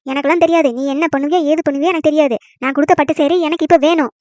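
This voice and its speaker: A woman doing a high, shrill scolding mother-in-law. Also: fairly even intonation, darkish tone, dry recording, natural voice. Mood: angry scolding. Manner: scolding, indignant, fast-talking when angry. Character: short-tempered scolding mother-in-law, middle-aged woman. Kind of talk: cartoon comedy voice acting.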